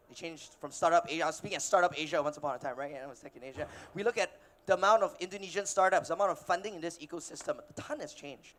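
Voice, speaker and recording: A man in his thirties from Malaysia, giving a casual, energetic keynote on a conference stage with filler words and restarts. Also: high-pitched. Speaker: keynote speaker, investor. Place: conference stage before an audience.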